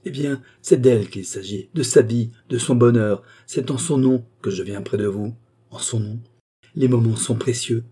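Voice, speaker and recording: Guy doing earnest young man pleading, dark husky voice. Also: mid-range voice, steady tone, normal speed, natural voice.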